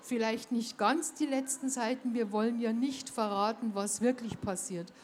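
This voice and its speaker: A woman's voice: on the high side, normal speed, darkish tone, slight background noise. Woman host making emphatic appeals. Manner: emphatic, appealing directly to listeners. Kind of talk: enthusiastic spoken address.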